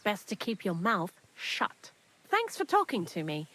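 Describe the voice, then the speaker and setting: A woman's voice: medium pitch, wildly swooping pitch, measured pace, a bit bright, exaggerated voice. An actress voicing a sly, chatty medieval woman thief who hides out in a lair, talking bluntly and earthily in game dialogue.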